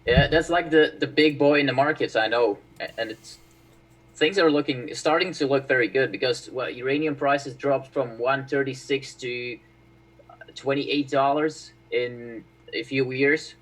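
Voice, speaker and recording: A relaxed man born in Bulgaria chats about stocks on a live stream. His voice sits at an ordinary pitch and sounds a little distant from the mic. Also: a little slow. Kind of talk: casual stock-market chat on a live stream.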